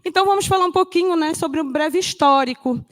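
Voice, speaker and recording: A woman's voice: very high voice, a little fast, no echo. A woman from northern Brazil, giving an explanatory classroom lecture. She talks conversationally and keeps checking that her students follow. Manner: conversational, checks understanding with frequent tag questions.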